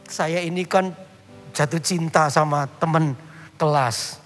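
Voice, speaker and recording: A sulky lovesick young teenage boy, as a preacher puts him on, dragging out each word in a slow, mopey whine. The voice sits quite high and comes across as a boy in low spirits. There is a faint bed of music underneath. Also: a bit bright, in a large hall.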